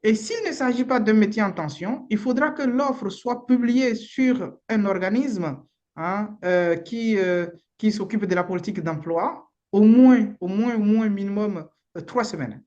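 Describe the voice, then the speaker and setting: A woman's voice: mid-range voice, a little slow, darkish tone, dull audio. A woman lawyer with a Beninese accent gives informal, frank advice in a live online session, using the odd blunt slang word. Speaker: immigration lawyer.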